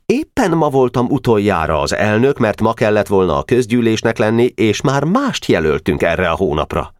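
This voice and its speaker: A man's voice: on the low side, big pitch swings, dry recording, studio quality, voice pushed up. A man voicing an earnest, humble schoolboy who presides over a boys' club.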